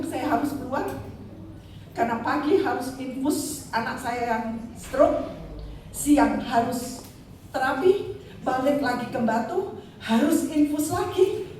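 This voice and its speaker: An older woman evangelist preaches a Christmas sermon with personal testimony, emphatically addressing the congregation as "saudara." Her voice sits high with a warm tone, recorded from far off in an echoey church hall with faint ambience and slight background noise.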